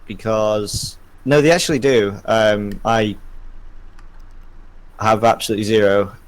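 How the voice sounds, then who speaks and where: Low-voiced, dry-humored male guest. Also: fairly even intonation, unhurried, clear, resonant tone, no room sound, rough recording. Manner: dry, self-deprecating banter. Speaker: map creator for the game. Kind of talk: casual chat on a game stream.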